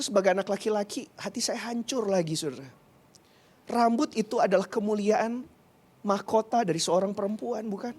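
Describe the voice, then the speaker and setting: A man's voice: high voice, a little mellow. A male pastor preaching a sermon, telling a personal story in an earnest, emotional way and often addressing the congregation directly.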